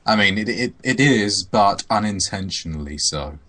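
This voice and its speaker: Wry low-voiced guy. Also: expressive, moderate pace, pushed and bright. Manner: wry, sardonic riffing. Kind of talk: casual chat about games.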